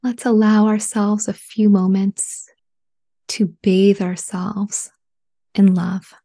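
A woman leading a guided relaxation in a soft, soothing spa whisper, hushed, breathy and gentle. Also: mid-range voice, flat delivery, slow pace.

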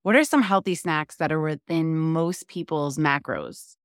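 A middle-aged woman with a New York accent hosting a podcast, chatty and open with quick asides. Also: sits low, dry recording, clean studio sound. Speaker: podcast host. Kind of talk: casual interview chat.

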